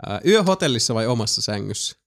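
Casual male host, gravelly and lively in pitch, loose and swearing, running a quiz among friends. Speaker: host reading out would-you-rather questions.

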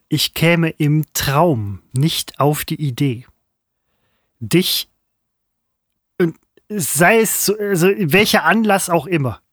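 A man's voice: on the high side, fairly bright tone, no room sound, studio quality. A man co-hosting a podcast in casual banter, indignant and flustered, protesting and restarting his sentences. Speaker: podcast co-host.

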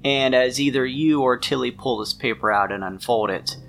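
A game master narrates a tabletop mystery game in a conversational, descriptive way, speaking at a moderate pace in a mid-range voice with vocal fry and a fairly bright tone. Music plays behind him, and there is slight background noise.

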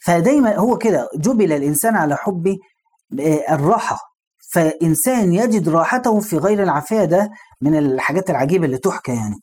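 An Islamic preacher with an Egyptian Arabic accent tells stories in a conversational lesson, posing rhetorical questions to the listener. His voice is on the high side, animated, a little mellow and slightly rough, and he talks at a quick pace.

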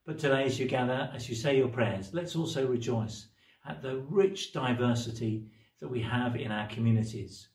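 A man's voice: medium pitch, normal speed, darkish tone. A man giving a solemn, prayerful recorded blessing as a bishop, his voice carried by a roomy cathedral echo. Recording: roomy echo, distant mic.

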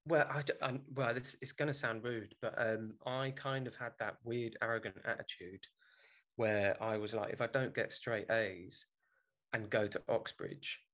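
A man's voice: mid-range voice, steady tone, normal speed, fairly bright tone. A young man with a South London accent chatting casually in an interview, informal, blunt and self-deprecating. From South London, England. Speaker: podcast guest, theatre director.

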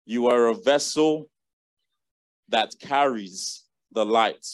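A man's voice: mid-range voice, slow pace, dry recording. A man preaching a sermon, earnestly reading and repeating scripture verses to the congregation.

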